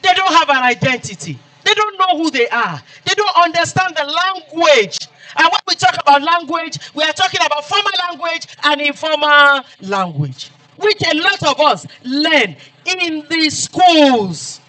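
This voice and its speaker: A man's voice: extremely high pitch, sing-song, normal speed, bright, forceful tone, rough recording. A man with a Nigerian accent giving a formal public lecture, emphatic and fond of repeating his phrases. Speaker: guest lecturer.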